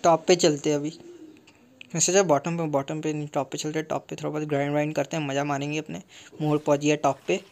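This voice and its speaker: A young man commentating his own mobile game live, excitable and talking to himself with frequent mild swearing. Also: fairly high pitch, quick pace. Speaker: gaming streamer.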